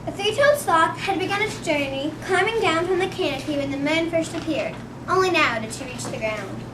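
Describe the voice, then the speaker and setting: A female storybook narrator with a very high voice. She reads from far off in an echoey, noisy room. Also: normal speed.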